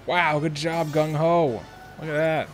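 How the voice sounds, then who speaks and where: A man's voice: fairly high pitch, fairly even intonation, unhurried, soft background music. A young man hosting a let's play, thinking aloud in casual, chatty commentary.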